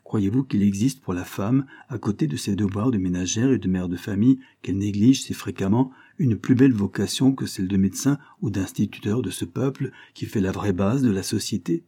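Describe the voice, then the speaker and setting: Male narrator voicing a solemn nobleman, preaching and earnest, low husky tone. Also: a little fast, few pauses, mellow. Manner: serious, lecturing. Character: earnest grave young nobleman.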